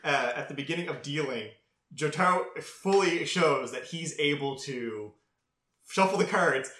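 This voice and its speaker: A man's voice: fairly high pitch, animated, unhurried, sharp tone, reverberant. A young man casually recapping an anime on a podcast, rambling, laughing often and acting out characters' lines. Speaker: podcast co-host.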